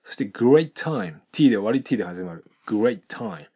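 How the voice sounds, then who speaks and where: A man teaching English pronunciation from a textbook, reading example sentences slowly and explaining how the sounds link. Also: lowish voice, lively intonation, darkish tone, slightly rough.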